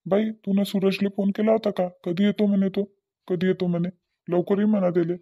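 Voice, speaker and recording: A woman's voice: medium pitch, little pitch movement, a little fast, breathy edge, lo-fi sound, natural voice. A woman voicing a worried middle-aged village father with a Varhadi Marathi accent, who repeats himself in short urgent bursts. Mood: hurried.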